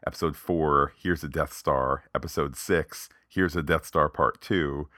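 A low-voiced man talks about a movie in a casual film review chat with strong opinions and playful tangents. His voice sits very deep, and the recording is dry and close. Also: fairly even intonation, a little slow, bright, forceful tone, no room sound. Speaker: podcast co-host.

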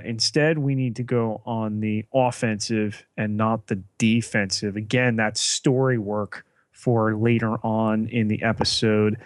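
A man co-hosting a podcast, recapping a TV episode in casual chat, halting with many fillers and restarts. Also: mid-range voice, no echo. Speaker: podcast co-host.

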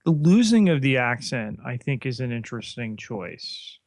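A man co-hosting a podcast, talking in a measured way and putting questions to his co-host. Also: medium pitch, big pitch swings, darkish tone, no room sound. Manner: measured, asks questions, many fillers. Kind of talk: casual podcast chat.

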